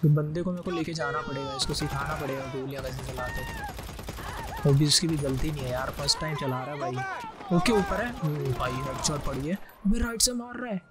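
A man giving live gameplay commentary, excitedly shouting quick callouts. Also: on the high side. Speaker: gaming YouTuber.

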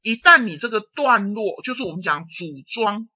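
A woman giving an exam-prep lecture, animated and answering her own rhetorical questions. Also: medium pitch, normal speed, slightly rough, no room sound. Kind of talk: recorded tutoring lecture. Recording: dull, muffled lecture audio.

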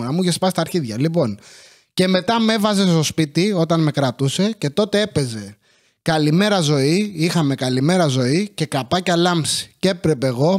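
A man from Athens telling crude, profane childhood stories in an animated comic monologue. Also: high-pitched. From Athens, Greece. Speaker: comedian.

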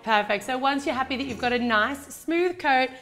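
This baking channel host, an Australian woman in her thirties, walks through a cooking demonstration in her home kitchen with chatty, upbeat instructions. Her voice sits high and sounds animated and fairly bright, moving at a normal speed. Faint music runs behind her.

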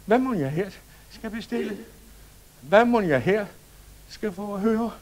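A man's voice: high voice, animated, voice pushed up, rough recording. Man voicing an anxious young fir tree. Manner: fretful, wondering, rising questions.

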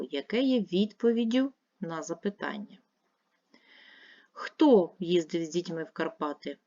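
A woman teacher with a lowish voice guides young pupils through a lesson, explaining patiently and step by step. The sound is dull and lo-fi, and it is close and dry with no room echo. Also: darkish tone. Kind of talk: primary school video lesson.

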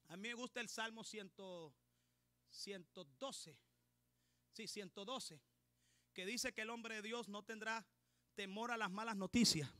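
A man preaching a sermon with fervor, building up to shouting. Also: high voice, no echo.

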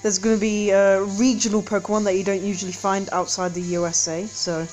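A woman's voice: mid-range voice, flat delivery, a little fast, darkish tone, soft background music. A woman hosting a game channel, giving casual gameplay commentary indoors at home, rambling with frequent hesitations and self-corrections. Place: indoors at home, street outside.

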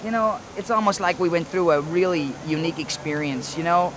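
Man, pop band member, slightly high voice, chatty and loose, lots of fillers, noisy outdoor background. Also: brisk. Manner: chatty, fillers like "you know" and "like". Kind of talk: casual behind-the-scenes chat. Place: outdoor video shoot location.

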